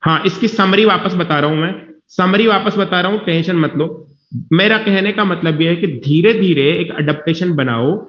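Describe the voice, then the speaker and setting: Speaking at a moderate pace with a high-pitched voice, a man teaches biology in a classroom. He's reassuring, says things more than once, and checks his students are keeping up, all captured in a dull, echoey recording.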